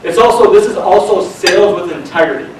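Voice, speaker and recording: A man giving a lively, conversational sales seminar to a room of people, acting out what customers say. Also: high voice, fairly quick, slight background noise. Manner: energetic, conversational, acts out quotes. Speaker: sales presenter. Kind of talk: seminar talk. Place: room with an audience. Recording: very echoey room, mic far off.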